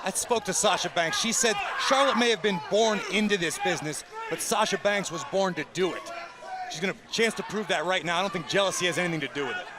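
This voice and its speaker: High-voiced argumentative male wrestling commentator. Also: fast. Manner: argumentative, emphatic. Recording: loud crowd and arena noise. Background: roaring arena crowd.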